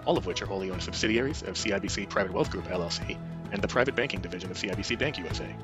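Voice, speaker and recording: A man reading a scripted legal disclaimer quickly and evenly. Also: fairly low pitch. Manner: fast, even legal read. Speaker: disclaimer announcer. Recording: voice over background music.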